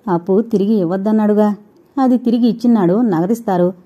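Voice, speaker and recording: A woman reading a quiet hurt young wife. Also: medium pitch, fast talker, breathy edge, highs cut off, close to an everyday voice. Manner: soft, pleading.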